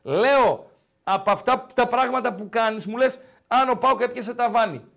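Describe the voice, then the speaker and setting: A man's voice: very high voice, fairly bright tone. A man hosting a call-in sports radio show, talking casually and animatedly and repeating himself for emphasis.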